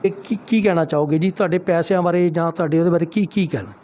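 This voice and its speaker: A man's voice: on the high side, fairly even intonation, quick pace, dark tone. A news reporter interviewing a woman and commenting at length, hesitant with many restarts.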